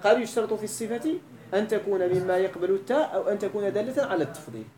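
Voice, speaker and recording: This Moroccan-accented man lectures on Arabic grammar in a lesson hall, quizzing his students with repeated questions to check they follow. His voice is high and dark-toned, with lively intonation and a racing pace, and the room is echoey.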